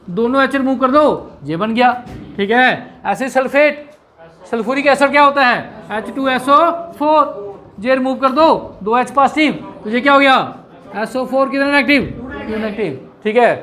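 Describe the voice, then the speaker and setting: A male chemistry teacher, lecturing a classroom and drilling students with quick questions and spelled-out terms. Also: very high voice, sharp tone.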